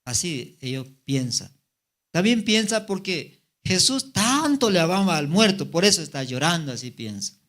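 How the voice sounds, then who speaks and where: A man delivers a Sunday sermon in a fairly high voice. He reads scripture aloud, then stops to comment and ask the congregation rhetorical questions. His voice climbs and slows on the quoted lines. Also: sing-song, fairly bright tone. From Bolivia. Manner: voice rises and slows for the quoted words. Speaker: evangelist preacher.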